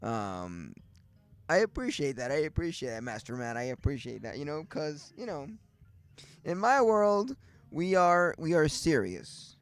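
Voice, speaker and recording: A man's voice: on the high side, sing-song, unhurried, clear, resonant tone, no echo. A man hosting a casual livestream chat, rambling with lots of fillers and restarts, faint music behind him. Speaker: livestream host.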